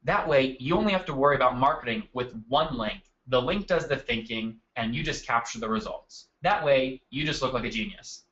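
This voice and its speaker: A man's voice: medium pitch, fairly quick, hardly any pauses, a bit bright, muffled recording. A man hosting a live marketing webinar from his desk, upbeat and chatty, calling on attendees by name. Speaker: webinar host. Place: at a desk indoors.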